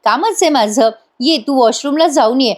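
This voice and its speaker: A woman's voice: high voice, lively intonation, normal speed. A woman voicing a flustered young woman who stammers through her denials while reading a serial recap. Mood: friendly.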